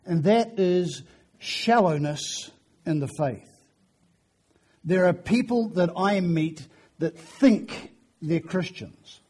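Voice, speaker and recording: Hoarse fifty-something preacher, high voice. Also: male voice, animated, takes it slowly, darkish tone. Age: 50s. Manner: chatty, self-deprecating storytelling. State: hoarse from flu. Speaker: guest preacher. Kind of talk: sermon. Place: church.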